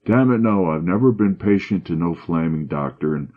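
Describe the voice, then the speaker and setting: A man voicing a loud, boisterous young horse dealer's son who blusters and bullies. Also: sits low, lively intonation, moderate pace, a little hiss or hum. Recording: dull lo-fi audio.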